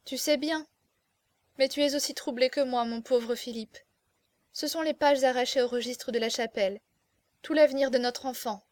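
A woman's voice: high voice, fairly even intonation, moderate pace, darkish tone, no room sound, close to an everyday voice. A woman doing a trembling, tearful young noblewoman. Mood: urgent. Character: distraught young noble mother, pleading. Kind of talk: audiobook character voice.

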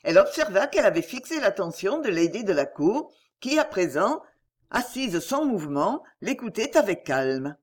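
Expressive woman narrating a classic novel. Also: medium pitch, normal speed. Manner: expressive, dramatic reading. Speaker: audiobook reader.

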